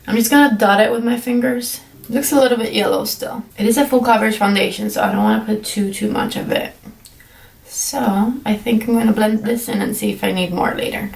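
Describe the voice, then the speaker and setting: A woman's voice: a little high, fairly even intonation, a little fast, vocal fry, a little mellow, far from the mic. A young woman giving a casual makeup tutorial, chatty and apologetic with plenty of fillers, her voice groggy from just waking up. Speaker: beauty vlogger. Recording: echoey room, mic set back.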